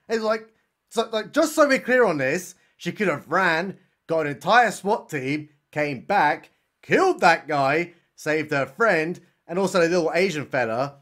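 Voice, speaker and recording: A man's voice: high voice, a bit bright. A young man narrating a crude, sarcastic comedic film recap. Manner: irreverent, sarcastic, crude jokes. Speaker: film reviewer.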